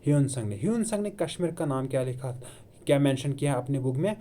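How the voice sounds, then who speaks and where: Mellow-voiced man teaching a coaching class. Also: mid-range voice, expressive, fast, slight background noise. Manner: asks and answers his own questions, repeats key terms; Hindi with English terms mixed in. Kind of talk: classroom lecture. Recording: online video lecture.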